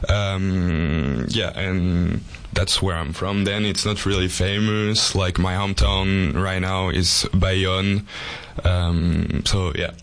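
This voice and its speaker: A man's voice: sits low, little pitch movement, takes it slowly, a bit bright. A man in his twenties with a French accent, answering interview questions hesitantly with many fillers. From southwest France. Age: 20s. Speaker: soccer goalkeeper guest.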